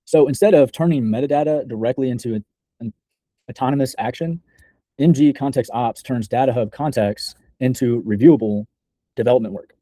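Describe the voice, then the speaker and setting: A young man giving a scripted software demo in a deliberate, measured, slightly halting way, as a developer presenting a project. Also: mid-range voice, dry recording.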